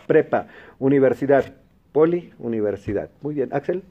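A Mexican man with a Mexican Spanish accent hosts an educational quiz show, speaking clearly and patiently and repeating the answer options slowly. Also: mid-range voice, animated. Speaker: quiz host and teacher. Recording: dull lo-fi broadcast sound.

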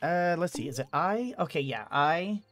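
This gaming video host is a middle-aged man with a somewhat high, fairly bright, animated voice at a normal pace. Playing along, he chats in a casual, hesitant way, thinking out loud. His headset boom mic picks up game music in the background.

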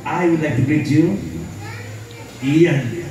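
High, unhurried male emcee on a PA, booming in a very echoey room over a loud live band. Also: crowd noise. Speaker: event emcee and singer. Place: restaurant with live band stage, indoors.

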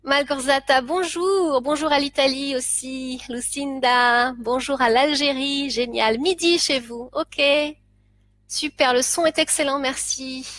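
A high-voiced woman is hosting a live stream from home and greeting viewers one after another. She talks in a chatty, friendly way and laughs often. Her voice is close and dry, with no room sound. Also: unhurried, fairly bright tone, no echo. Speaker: French teacher hosting a live Q&A. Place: home, living in Pakistan.

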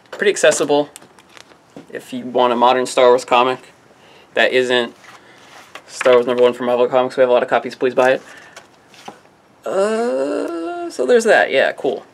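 Rambling, jokey man with lively pitch. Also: creaky. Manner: rambling, offhand, often trailing into "I don't know"; jokey, self-mocking asides. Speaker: comic shop staff presenting new releases. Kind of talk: casual product rundown to camera.

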